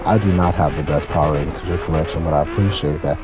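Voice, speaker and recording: With a very deep, steady voice, a Californian in his 30s talks fast as he tells casual stories, rambling, slangy and sometimes profane. The recording is noisy, with racing game engines running in the background.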